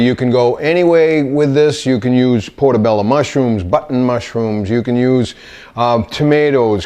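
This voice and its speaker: Guy doing a cooking demo in his kitchen, smooth resonant voice, rambles and hunts for words. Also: medium pitch, a little mellow, muffled recording. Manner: halting, meandering, searches for words. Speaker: cooking show host demonstrating recipes. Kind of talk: unscripted cooking demonstration. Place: home kitchen indoors.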